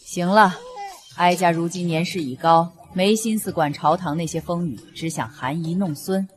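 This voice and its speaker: A woman's voice: lowish voice, moderate pace, lightly acted. An actress playing a domineering elderly noblewoman in a period drama, with an imperious, self-satisfied manner. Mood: weary, insistent. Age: older. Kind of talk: Chinese period short-drama acting.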